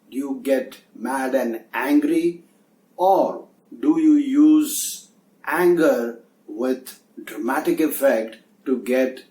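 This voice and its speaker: A middle-aged man, a soft skills trainer telling a story as a lesson in an earnest, conversational way. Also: medium pitch. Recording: echoey room, distant mic, faint ambience.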